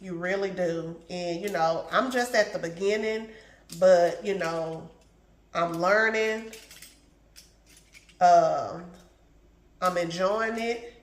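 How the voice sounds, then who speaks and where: Here the woman's voice sits fairly low, and she speaks slowly with frequent pauses in an echoey room. She is a middle-aged lifestyle vlogger chatting casually as she cooks in her home kitchen, sounding congested and calling viewers "y'all" and "baby."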